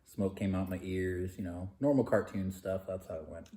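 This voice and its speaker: A man's voice: low voice, fairly even intonation, moderate pace, mellow, reverberant, slight background noise. A man chatting casually with his fiancée, playful and jokey as he tells their story while eating. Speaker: fiancé co-host. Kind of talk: casual chat.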